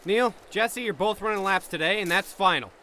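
A man's voice: high-pitched, normal speed, sharp tone, slight background noise. A man playing an exasperated squad corporal who barks orders at his soldiers, in a comedic audio drama. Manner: barking orders, impatient.

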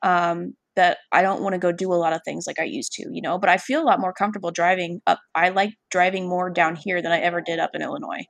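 A woman's voice: on the low side, steady tone, fast, creaky, hardly any pauses, no room sound. A woman from Washington State in a casual chat with a friend, blunt and swearing freely, laughing often. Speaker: friend chatting.

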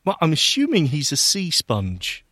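A woman's voice: low-pitched, wildly swooping pitch, a little slow, a bit bright, no room sound, studio quality. A woman casually playing a voice game, giving short spoken answers and remarks. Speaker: game player.

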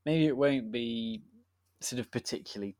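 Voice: medium pitch, normal speed, darkish tone, dry recording. A co-host in casual chat, talking enthusiastically with frequent laughs and restarts. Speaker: podcast co-host.

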